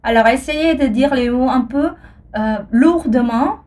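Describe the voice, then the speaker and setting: Slow, deliberate woman teaching a lesson. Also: sits high, a little mellow. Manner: slow, deliberate, repeats each example. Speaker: language teacher. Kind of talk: scripted language lesson.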